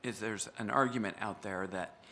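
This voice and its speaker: Gravelly council president with hiccups. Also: male voice, lowish voice, sharp tone. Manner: halting, hedging speech with restarts. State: has hiccups. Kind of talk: council meeting discussion.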